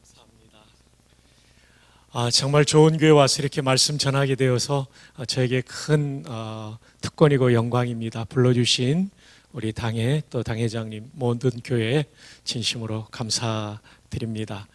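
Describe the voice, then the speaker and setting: A man from Daejeon preaching as a guest pastor at a revival service, humble and halting. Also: medium pitch, fairly even intonation. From Daejeon, South Korea. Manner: warm, humble, halting with fillers. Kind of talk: revival sermon. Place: church sanctuary.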